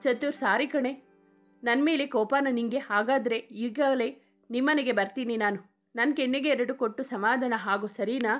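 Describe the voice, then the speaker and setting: A woman's voice: fairly high pitch, moderate pace, faint music behind, natural voice. A woman reading the lines of a teasing, charming young man in love in a story. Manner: teasing, joking.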